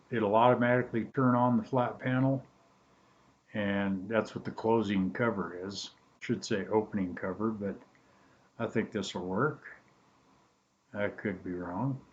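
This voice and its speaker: A man giving a casual, halting hands-on tutorial in an informal, laid-back way, recorded on a laptop's built-in microphone with poor sound. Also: on the low side, muffled recording. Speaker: DIY tutorial host.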